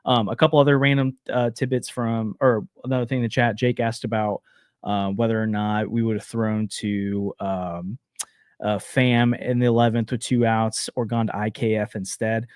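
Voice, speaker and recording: A man co-hosting a casual sports podcast, hedging a lot with fillers and quick restarts. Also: lowish voice, flat delivery, a little mellow, smooth, no room sound, clean studio sound. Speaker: podcast co-host.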